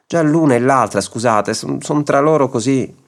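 A man's voice: mid-range voice, moderate pace, voice pushed up, close to an everyday voice. A man reading a patient, wry judge. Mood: puzzled. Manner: calm, gently reasoning. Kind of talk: radio reading of a short story.

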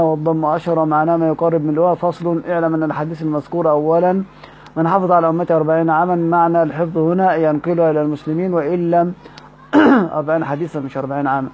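Fast, high, flat-voiced man reading. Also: lo-fi sound. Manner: reads rapidly, spelling out vowels, with slips and self-corrections. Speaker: reader of a religious text commentary. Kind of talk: fast reading aloud of a scholarly commentary.

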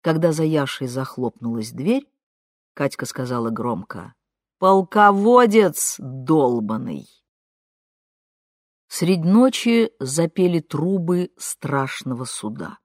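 A woman reading first-person literary prose aloud, with ironic, expressive storytelling. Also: rumbling low, measured pace, no echo, clean studio sound. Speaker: audiobook narrator.

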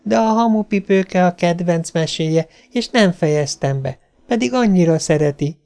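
A man's voice: high-pitched, a little mellow, clean tone, voice pushed up. A man doing a pleading little girl.

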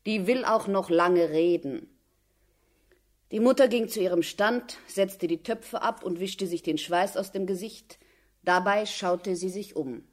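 A woman reading the narration of a radio play in a calm, even storytelling manner. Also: mid-range voice, unhurried.

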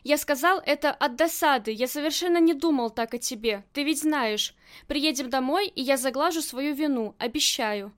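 A loving husband in an audiobook, tender with his wife and blunt with everyone else, as a woman reads him. The voice sits high and light. He barks short orders. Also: normal speed, close to an everyday voice. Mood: insistent. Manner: tender, then gruff and commanding. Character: adoring husband, gangland boss's man.

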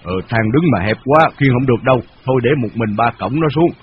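A man's voice: medium pitch, fast, slight background noise, lightly acted. A man doing a shaken elderly father. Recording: dull lo-fi radio recording.

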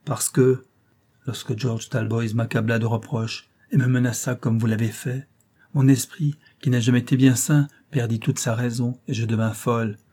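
A defiant young noblewoman, desperate and wild, flinging out loud outbursts, as a male reader puts her on. The voice sits dark and mellow with a husky edge. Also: medium pitch, steady tone, normal speed, natural voice. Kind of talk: audiobook reading.

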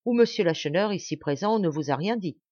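Woman doing a proud young marquis, cool, controlled, dry close sound, muffled highs. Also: brisk, breathy edge, dry recording. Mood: calm. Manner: calm, restrained, then shrill and cutting.

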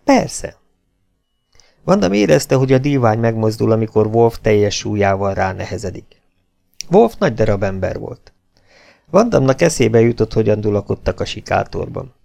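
A man narrating a novel in an audiobook, reading in an even, steady way. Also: on the low side, creaky.

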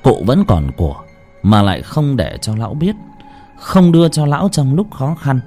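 A man's voice: mid-range voice, moderate pace, faint music behind. Man narrating a ghost story dramatically. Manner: dramatic, lively delivery.

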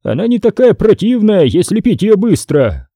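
A stern, commanding chief of a small creature tribe who draws every word out slowly, as a man voices him for a storybook. His tone is dark and husky, raised above the reader's plain voice, with a dry, close sound. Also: high voice, very animated, no echo, voice pushed up, full character voice. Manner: slow, drawn-out and commanding. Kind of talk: audiobook character voice.

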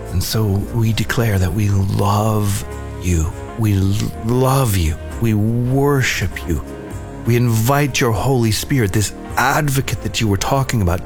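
Earnest man praying over soft music. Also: fairly low pitch. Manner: earnest, gentle and heartfelt. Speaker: podcast host. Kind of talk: devotional reflection and prayer.

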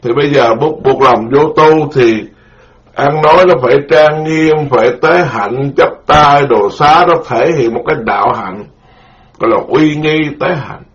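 A middle-aged man, a Buddhist monk giving a dharma lecture, speaking slowly and repeating key terms for his listeners. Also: mid-range voice. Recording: dull lo-fi recording.

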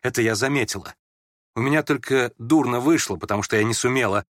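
A man's voice: medium pitch, fast talker, no echo, studio quality, close to an everyday voice. A man reading an audiobook, voicing a proud, impulsive young woman who flares up and then turns shy. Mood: confiding. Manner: sharp, flustered, switching between scorn and shyness.

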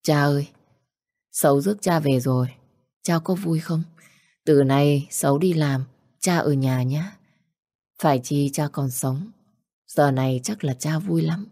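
A poor young orphan man speaks in a low, mellow tone, tender and pleading, as a woman reading the story gives him voice. The sound is dry and close. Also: unhurried, long pauses, dry recording. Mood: tearful prayer.

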